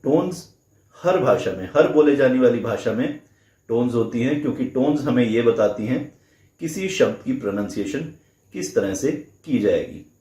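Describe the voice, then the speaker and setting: A man teaching a language lesson, explaining slowly and carefully, saying sounds aloud to demonstrate them. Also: medium pitch, lively intonation, dark tone, echoey room.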